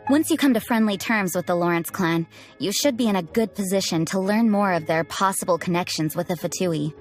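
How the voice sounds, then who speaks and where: A woman's voice: lowish voice, brisk, faint music behind, lightly acted. A woman playing a diplomatic, courteous knight commander in a video game, speaking formally and earnestly. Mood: calm, encouraging. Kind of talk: scripted video game voice acting.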